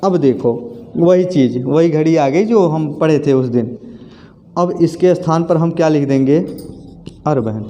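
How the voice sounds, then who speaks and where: A man's voice: on the high side, a little slow, mellow, muffled recording. A male teacher, leading a classroom grammar lesson, asking questions, then repeating the answers aloud. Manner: calls students friends and sister, asks and repeats answers.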